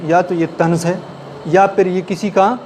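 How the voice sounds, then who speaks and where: Male writing teacher, higher voice, quizzing the class, faint hum behind. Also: level tone, darkish tone. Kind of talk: classroom lecture. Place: classroom with a board.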